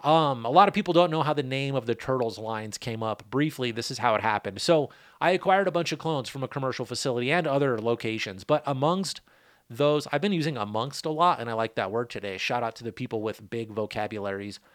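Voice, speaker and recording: A man's voice: medium pitch, expressive, a little fast, dry recording. Laid-back middle-aged man hosting a podcast, chatty and rambling, on a dry close mic. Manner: rambling, loose, joking asides. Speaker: podcast host, cannabis grower. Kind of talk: casual rambling chat.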